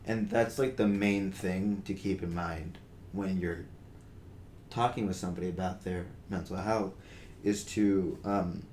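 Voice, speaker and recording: His voice sits low and slightly mellow, holding a steady tone at a somewhat slow pace. He's a young podcast co-host in casual discussion, earnest and prone to fillers and restarts. The audio is roomy, with faint noise behind it.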